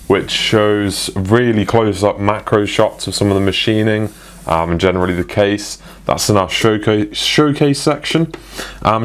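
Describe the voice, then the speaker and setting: A young man presenting a casual tech product review, chatty and full of ums and restarts. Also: lowish voice.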